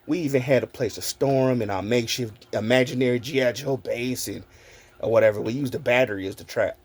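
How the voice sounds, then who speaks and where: A man in his forties, a content creator, telling childhood stories in a casual, animated vlog. He talks straight to his viewers, laughs often and swears freely. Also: medium pitch, brisk, slightly rough.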